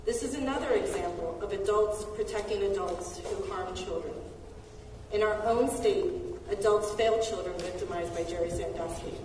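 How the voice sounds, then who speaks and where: A woman giving formal, measured testimony as a city official, recorded in a council hearing chamber. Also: medium pitch, a little mellow, a little hiss or hum. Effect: council hearing-room recording. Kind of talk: reading a prepared statement at a hearing. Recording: echoey hall from far off.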